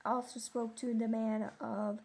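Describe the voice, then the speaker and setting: A woman reading the Bible aloud verse by verse, halting and repeating names after a pronunciation guide. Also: on the high side, flat delivery, vocal fry, warm tone, husky. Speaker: Bible reader. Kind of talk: slow verse-by-verse Scripture reading.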